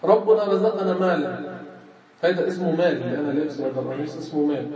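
A man's voice: on the high side, steady tone, very fast. A man with a Levantine Arabic accent teaching a religious lesson, explaining step by step and quizzing his students. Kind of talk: classroom lesson on grammar and creed. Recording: echoey room from far off, muffled, crowd.

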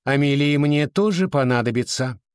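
A man's voice: a little high, normal speed, smooth, no room sound, clean studio sound, pitched above the performer's own voice, lightly acted. A man reading aloud, voicing a cold, demanding mysterious woman with hidden powers in a storybook. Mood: cold, commanding.

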